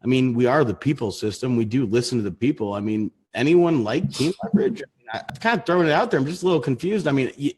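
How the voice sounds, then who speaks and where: Co-host, male, 30s, husky voice, mid pitch, rambling casual delivery. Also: fast, hardly any pauses, a little mellow. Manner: rambling, restarts sentences. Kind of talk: casual livestream chat.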